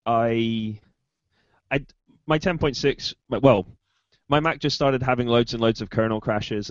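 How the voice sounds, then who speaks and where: A man co-hosting a podcast, his voice on the low side as he rambles through a long explanation and pokes fun at himself. The call audio is dry and a little dull. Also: no echo. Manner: rambling, self-deprecating explanation. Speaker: podcast co-host. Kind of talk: casual chat.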